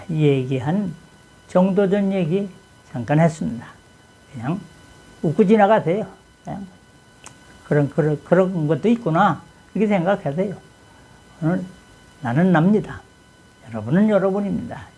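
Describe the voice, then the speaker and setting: Host, man from Chungcheong, Korea. Folksy rhetorical-question talker, gravelly and mellow, for a casual talk. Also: fairly high pitch, low-quality recording. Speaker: channel host. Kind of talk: casual talk on classic texts.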